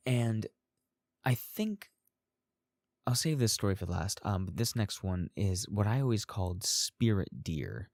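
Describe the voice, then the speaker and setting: A man with a very low voice tells personal stories in a loose, rambling way, swearing freely and chuckling along. The sound is dry and close, with no room around it. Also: darkish tone, no room sound. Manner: rambling, profane, chuckles often. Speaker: storyteller. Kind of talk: casual personal storytelling.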